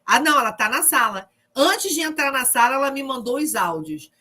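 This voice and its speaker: Woman leading an online prayer group, lively and joking, bright clear voice. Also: sits high, brisk. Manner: lively, humorous, testimony-telling. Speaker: discipleship group leader. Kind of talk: informal preaching to an online group.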